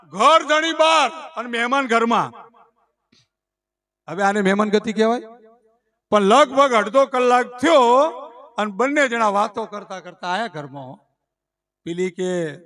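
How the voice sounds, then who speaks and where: A man tells folk jokes live to a village audience under a canopy, speaking into a handheld stage microphone. His voice sits very high and rings bright and forceful. He slows right down on each punchline and acts out the villagers he quotes. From Gujarat, India. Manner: drawn-out emphatic punchlines, acting out quoted villagers. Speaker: folk storyteller and emcee. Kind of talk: live folk storytelling at a devotional gathering.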